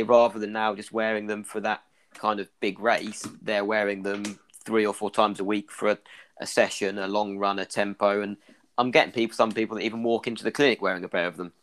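A man's voice: fairly low pitch, slight background noise. A man with an Irish accent, a clinician explaining running injuries in a casual podcast chat, full of "kind of" fillers.

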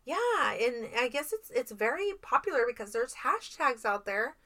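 A high, bright woman's voice that swoops up and down as she tells stories. She is a middle-aged podcast co-host who chats casually and swears freely. Her tone is lively and very expressive. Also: moderate pace. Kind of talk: casual chat.

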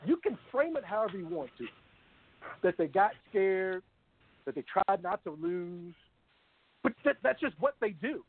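A man's voice: high-pitched, very animated, measured pace, long pauses, slightly rough. A man co-hosting a sports talk show, ranting emphatically and repeating his points. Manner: fired-up, emphatic, repeats phrases. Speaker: co-host. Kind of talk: sports talk radio rant. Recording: phone-quality audio.

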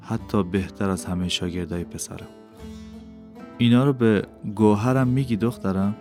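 A man reading an audiobook, voicing a wise, kindly old teacher who speaks slowly and gravely. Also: on the low side, faint music behind, close to an everyday voice. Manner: slow, grave, warm. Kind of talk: audiobook character voice.

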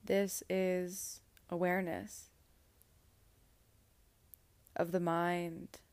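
A woman leads a guided meditation, speaking unusually slowly with long soothing pauses. Her voice sits low and stays level, with little rise and fall. The sound is close and dry. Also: level tone, dry recording. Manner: slow, soft, soothing delivery with long pauses.

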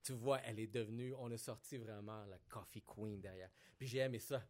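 A man hosting a podcast, telling stories in a relaxed way with English slang mixed in. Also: fairly low pitch, fairly quick. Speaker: podcast host. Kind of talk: casual podcast chat.

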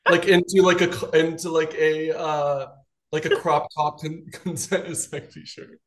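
A man's voice: a little high, fairly even intonation, a little slow. A man as a podcast guest in casual chat, teasing and laughing often, with lots of "like.".

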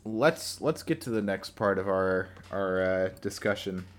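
Young male co-host, lowish voice, rambling casual delivery, remote mic. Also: measured pace. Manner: rambling, restarts, bursts into silly voices. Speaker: podcast co-host. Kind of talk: casual chat. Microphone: remote call mic.

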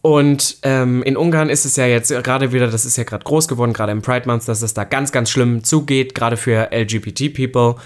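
Young guy co-hosting a podcast, mid pitch, rambles and restarts a lot. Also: steady tone, normal speed, few pauses. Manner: rambling, many restarts, opinionated. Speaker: podcast co-host. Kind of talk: casual chat.

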